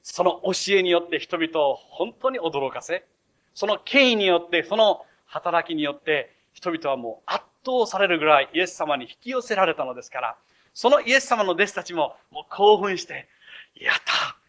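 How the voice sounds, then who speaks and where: A man's voice: high voice, lively intonation, moderate pace, a bit bright. A male pastor preaching an expository sermon, retelling scripture in a storytelling way with acted voices.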